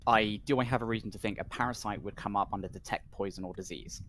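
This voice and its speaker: A man's voice: on the low side, fast talker, a bit bright, a little hiss or hum. A man chatting casually as a player in a tabletop role-playing game, asking rules questions and declaring moves.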